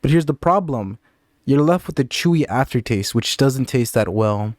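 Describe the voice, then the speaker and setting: A young man giving a casual, deadpan review of candies, with sarcastic jokes and scores out of ten. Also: mid-range voice, normal speed, no room sound. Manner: deadpan, sarcastic, jokey asides. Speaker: candy reviewer. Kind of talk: casual comedic review vlog.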